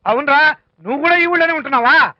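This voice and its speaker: A man's voice: extremely high pitch, fast talker, pushed and bright, dry recording, full character voice. An actor playing a brash middle-aged father in a comedy film, trading threats in banter. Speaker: comic film character, the groom's father. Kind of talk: Telugu film comedy acting. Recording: dull, dry film soundtrack.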